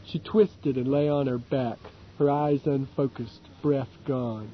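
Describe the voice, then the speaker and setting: A man reading an audiobook in a steady, measured narration. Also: medium pitch, a little hiss or hum. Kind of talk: scripted narration. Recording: dull lo-fi recording.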